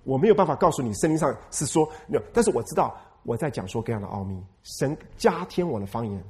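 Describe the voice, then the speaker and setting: A man's voice: medium pitch, animated, fast talker, a little mellow. A man, a pastor giving a sermon who stresses points by repeating phrases and asks the congregation questions. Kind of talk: lively sermon.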